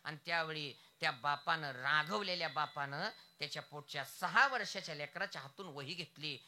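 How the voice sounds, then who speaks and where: A young male preacher narrating a devotional kirtan story. He surges in volume and drags out key phrases for effect. His tone is strikingly bright and sharp. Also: on the high side, a little hiss or hum. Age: young adult. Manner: dramatic, surging loudness, drawn-out stresses.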